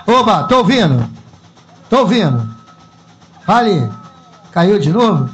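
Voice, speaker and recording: A man's voice: sits high, sing-song, takes it slowly, soft background music. A man calling in on a phone line that keeps dropping out, repeatedly calling hello to check the connection. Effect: phone call dropping out.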